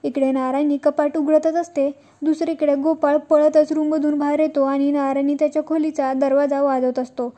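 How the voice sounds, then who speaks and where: A woman narrating a recap of a TV serial episode, retelling the scenes in a steady storytelling manner. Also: high-pitched, moderate pace.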